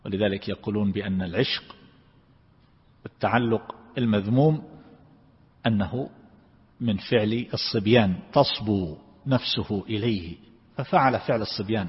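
Husky man lecturing in a reverberant hall. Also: on the low side, normal speed, long pauses. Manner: explanatory, repeats key words, asks listeners if clear. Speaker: Islamic scholar teaching Quran commentary. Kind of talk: classroom lecture on word meanings. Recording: lo-fi recording with long hall reverb.

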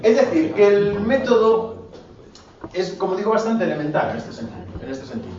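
A man's voice: high-pitched, sing-song, normal speed, a little mellow. Man lecturing philosophy in a roomy classroom. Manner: rhetorical questions, emphatic asides. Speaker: philosophy teacher. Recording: roomy, distant, dull, faint noise.

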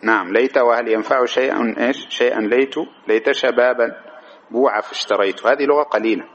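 A man's voice: medium pitch, fast, highs cut off. A man with a mid-range voice gives a classroom-style grammar lesson. He explains step by step, keeps asking rhetorical questions and answers them himself. A faint hiss sits under the recording. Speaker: teacher.

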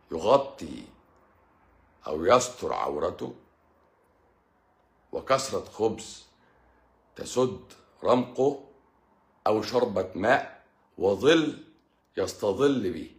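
Man, Egyptian Arabic accent, low voice, blunt teasing lecture, roomy echo. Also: creaky. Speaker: doctor hosting a live stream. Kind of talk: live stream answering viewer questions.

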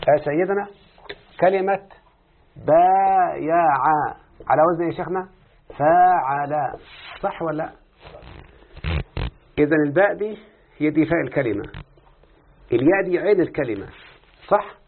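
A man's voice: on the high side, expressive, a little fast, pauses often, a little hiss or hum. A man with an Egyptian accent teaching an Arabic morphology lesson, constantly quizzing his student with questions. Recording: phone-like lo-fi audio.

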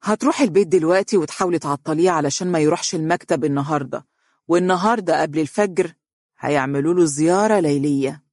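A man's voice: a little high, fast talker, a little mellow, dry recording, studio quality, natural voice. A male narrator voicing a cold, cynical security agent in Egyptian Arabic, curt and condescending.

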